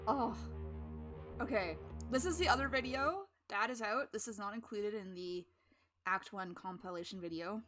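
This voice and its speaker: A woman's voice: mid-range voice, moderate pace, music in the background. A woman streamer giving chatty, rambling commentary during a live stream, laughing often.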